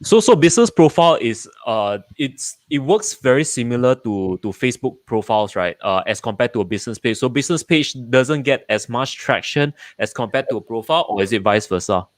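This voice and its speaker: A man's voice: mid-range voice, animated, brisk, few pauses, dry recording. A man casually hosting a live session, often repeating and rephrasing his phrases. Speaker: host.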